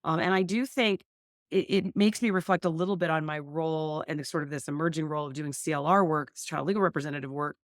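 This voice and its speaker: A woman's voice: low voice, fast talker, dry recording, clean studio sound. A woman hosting a family law podcast, talking earnestly and thinking aloud. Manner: earnest, thinks aloud with many 'like' and 'right'. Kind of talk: casual conversation.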